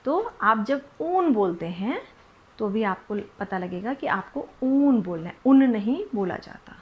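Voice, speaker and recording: Young female teacher for nursery kids, patient, unhurried, slightly high voice. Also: animated, muffled recording. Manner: slow, patient, repeats and stretches words for children. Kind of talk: nursery Hindi lesson.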